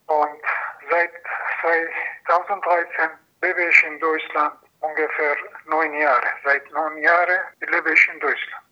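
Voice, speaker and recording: A man tells his own story in halting, careful phrasing and keeps restarting his sentences. His voice sits a little high and sounds very bright and sharp. The recording is dull and lo-fi. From Iran. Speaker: asylum seeker. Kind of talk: personal testimony.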